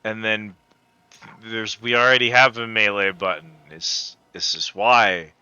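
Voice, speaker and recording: Bright, forceful man doing game commentary. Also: fairly low pitch, a little slow, clear, resonant tone, no room sound, lo-fi sound. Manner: profane, jokey, slangy. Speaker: gamer playing and commentating. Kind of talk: casual let's-play commentary.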